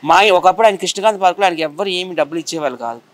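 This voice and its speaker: A man being interviewed, complaining rapidly and indignantly. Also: high-pitched, slight background noise. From Vizag. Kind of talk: heated interview.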